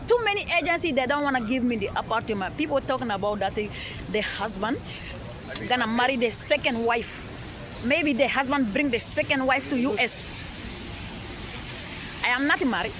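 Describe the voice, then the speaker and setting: This high-pitched Malian woman, interviewed outdoors on a busy city street, rambles through a personal story, repeating herself insistently and often asking "all right?" Traffic and street noise fill the noisy recording.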